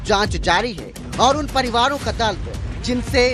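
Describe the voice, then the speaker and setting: A woman's voice: fairly high pitch, lively intonation, moderate pace, music in the background. A woman presenting breaking news in a dramatic, sensational and emphatic manner.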